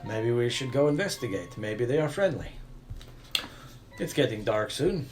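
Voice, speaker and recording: A man's voice: medium pitch, sing-song, moderate pace. A man playing a tabletop game, chatting and speaking in character. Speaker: player. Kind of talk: casual tabletop play. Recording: music playing behind.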